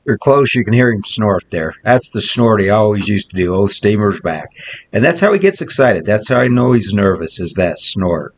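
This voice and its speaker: A man's voice: lowish voice, expressive, normal speed, few pauses. A male horse trainer gives plainspoken commentary while working a horse outdoors in the snow, repeating short coaching phrases. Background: wind.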